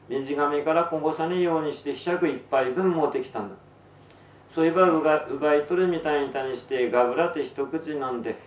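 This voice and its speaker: Man storytelling in thick Tsugaru dialect, echoey room. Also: medium pitch. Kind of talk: dramatic storytelling recitation in dialect. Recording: roomy, distant, noisy live recording.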